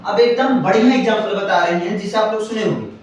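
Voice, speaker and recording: A man's voice: sits high, quick pace, far from the mic, slight background noise. Male teacher in a very echoey classroom. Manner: repeats points, checks understanding often, spells words out letter by letter. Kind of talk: classroom grammar lesson. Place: classroom with students answering together.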